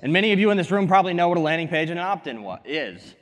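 A young man giving an energetic motivational keynote on a conference stage through a headset mic. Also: high-pitched, very fast. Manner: energetic, gesturing, quips at co-speaker. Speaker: keynote speaker. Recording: hall reverb from a conference stage.

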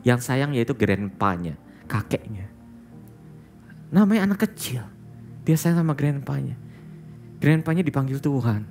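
A pastor delivers a sermon in a conversational, storytelling way, turning to his listeners again and again as he speaks. His voice rises and falls with lively intonation, and he slips English words into his talk. Faint music plays behind him. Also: mid-range voice. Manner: storytelling, often addresses listeners as "saudara"; mixes English words into speech.

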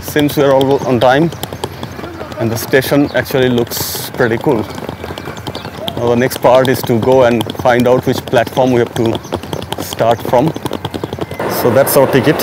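A man on a travel vlog who explains each step of a train trip to viewers as he goes. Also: mid-range voice. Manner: strains and groans while lifting heavy bags. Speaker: travel vlogger. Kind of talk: casual travel vlog narration. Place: outdoors, in a car and at a train station. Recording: loud street and traffic noise.

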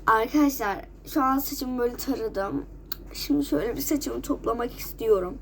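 A woman's voice: fairly high pitch, normal speed, slight background noise. A teenage girl vlogging casually while sick with a cold, coughing and runny-nosed, chatting repetitively to her friends. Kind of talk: casual chat to camera. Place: at home, just out of bed.

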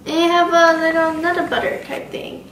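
Filmed by a nearby camera in a roomy kitchen full of clattering dishes, a teen cooking vlogger walks through a recipe at home. She's chatty, saying "like" and "um" a lot, in a very high, level, slightly bright voice at a fairly quick pace, with some background noise.

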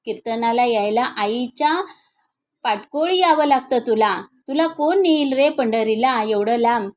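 Here a woman speaks as a kindly elderly male saint in a devotional tale, asking gentle, teasing questions in a high voice. He keeps an unhurried, caring manner throughout. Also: animated. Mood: gently questioning.

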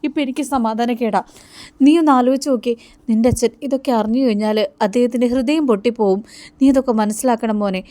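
A woman's voice: fairly high pitch, quick pace, dark tone, no room sound, close to an everyday voice. A woman voicing a worried older uncle who earnestly pleads with his nephew. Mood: pleading.

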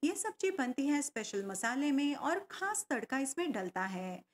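A woman talks through a home cooking recipe. She explains step by step and adds tips along the way. Her voice is high and swings widely in pitch. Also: very animated, normal speed. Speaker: cooking channel host. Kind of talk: recipe voice-over narration.

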